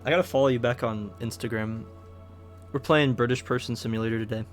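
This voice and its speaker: A laid-back male streamer giving casual, joking commentary as he plays and chats with his viewers. His pitch is in the middle range, and faint game music plays under him. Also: steady tone, fast talker.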